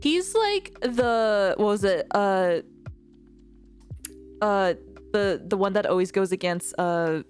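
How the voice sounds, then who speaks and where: A woman's voice: medium pitch, expressive, slow pace, long pauses, soft background music. A woman guesting on a stream, chatting casually and often searching for words. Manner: hesitant, trails off and searches for words. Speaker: co-host guest. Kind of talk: casual chat.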